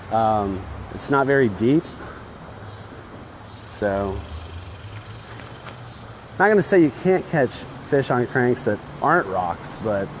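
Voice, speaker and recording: A man chatting casually and informally as he hosts a fishing livestream from under a bridge, rambling and offering modest opinions. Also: mid-range voice. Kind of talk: casual chat while fishing. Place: outdoors under a concrete bridge by a creek. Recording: noisy outdoor phone recording under bridge.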